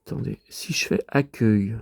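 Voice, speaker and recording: A man's voice: fairly low pitch, moderate pace, creaky, darkish tone, no room sound, clean studio sound. A man vlogging casually to his viewers, rambling and muttering with mild swearing as he talks from home in front of a TV.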